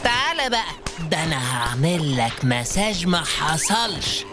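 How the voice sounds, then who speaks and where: A woman's voice: deep voice, sing-song, moderate pace, loud music behind the voice. A woman voicing Safrout, a bossy, eager sidekick in a children's audio drama. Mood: fussing. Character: fussy helpful sidekick Safrout.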